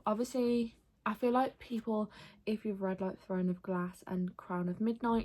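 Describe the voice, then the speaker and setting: A young woman chatting casually in a reading vlog, upbeat and full of fillers. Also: low-quality recording. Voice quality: slight lisp from a retainer. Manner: quiet, low-key late-night talk; hushed, near-whispered. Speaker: book vlogger.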